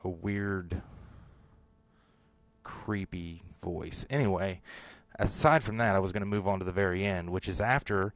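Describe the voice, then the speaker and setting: A man's voice: deep voice, brisk, hardly any pauses, no echo, highs cut off. A man hosting a show, casually talking through his theories about a TV episode, rambling with fillers and restarts. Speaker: show host.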